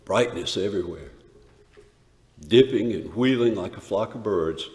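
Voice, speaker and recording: In a theatrical reading, a man with a fairly low, expressive voice plays a rough shepherd awed by memories of a wondrous night, his mood building as he goes. Emphatic and full of dramatic pauses, he swells from hushed to shouted lines. The live church performance rings with long reverb.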